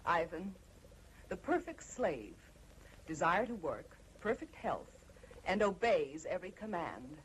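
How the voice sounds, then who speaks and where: An actress playing a cold, confident mad scientist in an old horror film, speaking in a clinical, imperious, deliberate way. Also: female voice, fairly low pitch, sing-song, slight background noise, low-quality recording. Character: cold, confident female mad scientist breeding obedient slaves.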